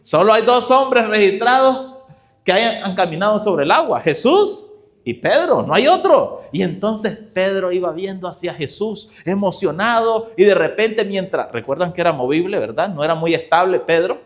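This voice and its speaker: A man preaching a sermon, telling a story with animated rhetorical questions to his congregation. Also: high-pitched, normal speed.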